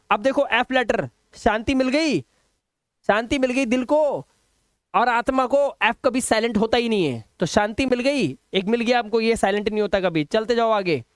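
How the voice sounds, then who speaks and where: A man's voice: extremely high pitch, clean tone, no echo. A man with an Indian accent teaching English pronunciation rules, emphatic and repeating each word. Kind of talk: spoken English lesson.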